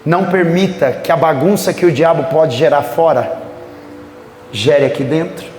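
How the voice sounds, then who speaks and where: High-voiced preacher in an echoing hall. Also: male voice, moderate pace, a little hiss or hum. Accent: Brazilian Portuguese. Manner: animated storytelling preacher who acts out biblical scenes. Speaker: pastor. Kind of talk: preaching a conference sermon. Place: church sanctuary during a conference service. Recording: echoey church hall with faint music.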